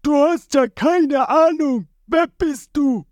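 A man voicing a huge ancient giant warrior who speaks slowly and heavily. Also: extremely high pitch, dry recording, dull audio, voice pushed up. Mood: tearful, proud. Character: hulking ancient giant warrior, weeping, proud.

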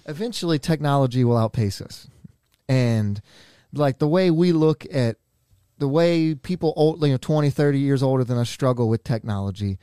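A man's voice: medium pitch, normal speed, mellow, clear, resonant tone, no echo, clean studio sound. A young man co-hosting a casual podcast, telling stories in a rambling, self-deprecating way. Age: young adult. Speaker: podcast co-host. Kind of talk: casual chat.

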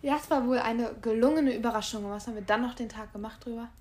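A young woman in casual chat, retelling events in a lively, animated way. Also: fairly high pitch, fast talker. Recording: echoey room.

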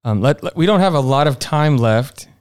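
A man's voice: medium pitch, lively intonation, normal speed, darkish tone, no echo, studio quality. A man hosting a faith-based panel discussion, talking in a searching way and repeating words as he goes. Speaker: panel host.

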